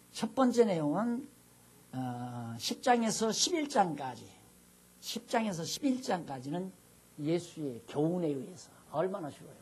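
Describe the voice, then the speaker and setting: A man's voice: fairly high pitch, husky. An older man, a pastor, giving a chatty, self-reflective Bible lecture while seated before a class. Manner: chatty, self-reflective, sometimes mimics shouting preachers. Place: seated, speaking informally to a class.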